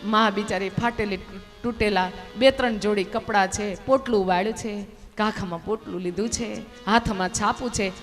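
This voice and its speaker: A woman's voice: medium pitch, fairly even intonation, moderate pace. A woman with a Kutchi Gujarati accent narrating a devotional story with emotion and voicing the characters herself. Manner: emotive, voices the characters' lines. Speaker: katha storyteller. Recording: long hall reverb with faint music.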